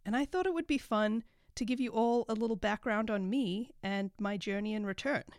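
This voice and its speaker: A woman's voice: on the high side, brisk, no echo, clean studio sound. A woman hosting a podcast in a casual, chatty monologue, sounding nasal and congested from a cold. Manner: informal, chatty, mild swearing. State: recovering from a cold. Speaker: podcast host and life coach.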